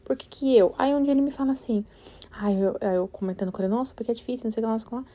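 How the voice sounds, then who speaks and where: A woman's voice: fairly high pitch, very fast, dull audio. A woman in her thirties giving casual motivational advice about goals, chatty and full of questions to her listeners. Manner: chatty, warm-hearted, asks listeners questions, many "sabe?". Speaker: vlogger giving goal-setting advice. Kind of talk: casual motivational talk to camera.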